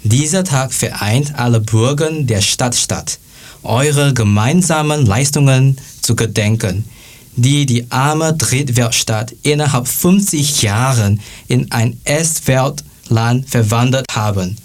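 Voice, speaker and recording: Casting note: man, slow and careful reader of a scripted presentation. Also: mid-range voice. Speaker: student presenter. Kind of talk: read-aloud presentation.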